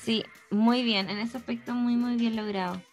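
Young Chilean woman, podcast co-host, slangy chatty tone, slightly high pitch. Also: steady tone, moderate pace, soft background music. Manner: slangy, chatty, wanders off on tangents. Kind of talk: casual chat.

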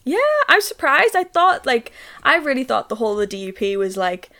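A woman's voice: sits high, sing-song, fairly quick, pushed and bright. Blunt, sweary Derry woman chatting casually. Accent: Derry, Northern Irish. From Northern Ireland. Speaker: podcast co-host. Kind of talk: casual banter.

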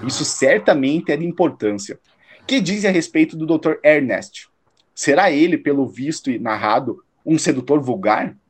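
A man playing a shrewd, self-assured detective in a radio drama, analytical, probing and slightly condescending in a measured delivery. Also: on the high side, expressive, husky. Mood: patronizing, analytical.

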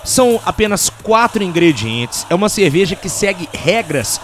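Podcast host, man, high voice, playful slang, handheld mic. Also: moderate pace, faint music behind. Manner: animated, slangy, breaks into mimicked voices. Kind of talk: casual podcast chat. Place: studio table with beer.

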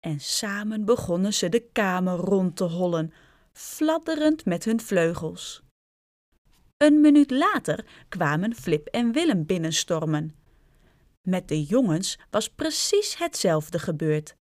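Woman, storybook read-aloud for children, lively intonation, slow pace, dry close sound. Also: on the low side, no room sound. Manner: expressive, addressing children directly.

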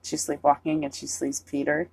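A young woman with a husky, slightly low voice, chatting loosely on a movie podcast. She retells scenes animatedly, peppering everything with "like" and swearing freely. The sound is close and dry. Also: monotone, moderate pace, darkish tone, dry recording. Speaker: podcast co-host. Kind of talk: casual movie review chat.

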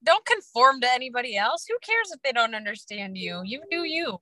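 A woman's voice: fairly high pitch, big pitch swings, a little fast, bright, forceful tone, no echo. A woman in her late twenties, a mother and wife, chatting casually on a podcast in a rambling, reflective way. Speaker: podcast co-host. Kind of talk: casual chat.

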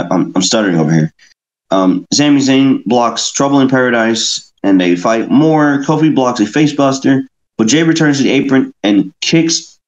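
A man's voice: medium pitch, dull audio. A male podcast host who recaps a wrestling match play-by-play, stumbling now and then and correcting himself. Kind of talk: casual wrestling review podcast.

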